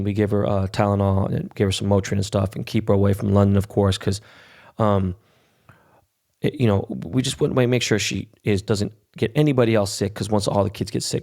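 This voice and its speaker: A man's voice: fairly low pitch, vocal fry, a little mellow. A middle-aged man hosting a podcast solo, telling personal stories in a casual, slangy, profanity-laced way. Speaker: podcast host.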